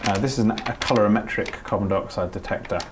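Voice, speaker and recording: A middle-aged male doctor gives a training demonstration, explaining practical steps in an informal way. His voice is on the low side and fast, with background noise present.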